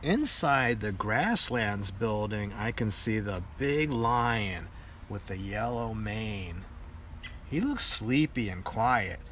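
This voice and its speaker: An older man with a grandpa voice reads a children's picture book aloud in a deliberate storytelling manner. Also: lowish voice, animated, fairly bright tone, a little hiss or hum.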